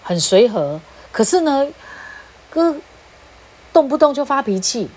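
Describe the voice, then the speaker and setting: Her voice sits high and sing-song, unhurried and darkish in tone. Speaking with a Taiwanese accent about relationships in an informal lecture, she weaves Hokkien phrases into Mandarin and acts out quoted speech.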